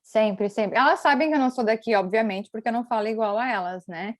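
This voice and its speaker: A woman, hosting a casual conversation in a relaxed manner. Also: on the high side, fast. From Brazil. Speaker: host.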